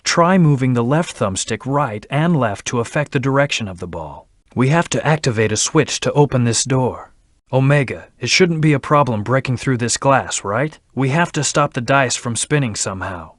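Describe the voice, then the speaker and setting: A male actor plays a brooding hedgehog antihero from a video game, mid-pitched and arrogant. He speaks tersely, with cool command and a hint of menace. The recording is very dry and close, with no room sound. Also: no echo, close to an everyday voice. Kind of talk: scripted video game character lines.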